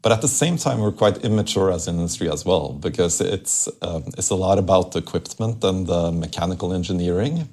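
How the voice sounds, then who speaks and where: A man from Norway, a product executive, answering interview questions in a hesitant, conversational way with many fillers, at a trade fair. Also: sits low. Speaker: chief product officer, guest. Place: trade fair booth area.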